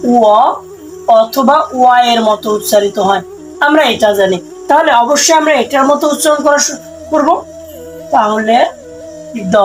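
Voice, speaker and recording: A woman giving a slow, step-by-step pronunciation lesson, asking questions and then answering them herself. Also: high voice, low-quality recording. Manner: explains slowly, asks and answers her own questions. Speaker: Sanskrit pronunciation teacher.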